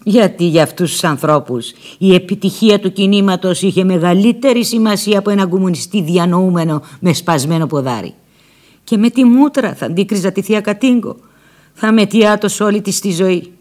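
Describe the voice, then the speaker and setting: A woman narrating a first-person novel aloud in an expressive, dramatic storytelling manner. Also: medium pitch. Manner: expressive, dramatic storytelling with lively shifts in loudness. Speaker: audiobook narrator.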